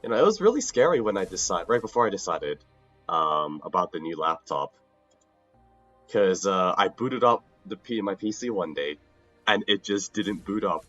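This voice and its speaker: A young man with a fairly low-pitched, fairly bright voice chats casually on a livestream while he plays a game, heard through a muffled recording. A bit sick, tired and slightly nasal, he rambles, restarts his sentences often and laughs a lot.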